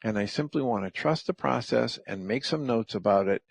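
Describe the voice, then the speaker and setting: A middle-aged man hosting a radio show, calmly and gently walking through the steps of a practice. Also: mid-range voice, normal speed, vocal fry. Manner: calm, gentle, step-by-step explaining. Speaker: radio host. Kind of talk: reflective talk radio teaching.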